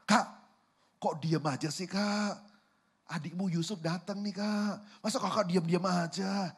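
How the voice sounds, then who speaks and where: A man voicing an excitable young boy who yells at his older brothers and pesters them, with a whiny, boastful tone. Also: high-pitched, unhurried, breathy edge, heavily acted. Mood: whiny boasting.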